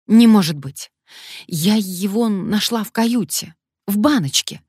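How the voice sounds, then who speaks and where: A woman's voice: lively intonation, unhurried, darkish tone, breathy edge, dry recording, clean studio sound. A woman reading an audiobook, voicing a frightened, fussy young woman blogger who babbles and shrieks. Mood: panicky. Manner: shrill, babbling.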